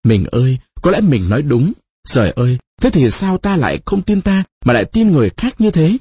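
A man's voice: on the high side, big pitch swings, a little fast, slightly rough, dry recording, heavily acted. Storybook role: jealous young man who spits every word, read by a man, dull dry sound. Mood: anguished. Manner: shouting, spitting each word, teeth gritted. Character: young man, jealous and furious, then despairing.

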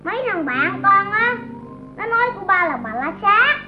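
A woman's voice: extremely high pitch, sing-song, moderate pace, noisy background. An actress voicing a cheeky, blunt little boy who talks in a childish, stubborn way, in an old radio drama. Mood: earnest. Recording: echoey, dull old radio recording with music.

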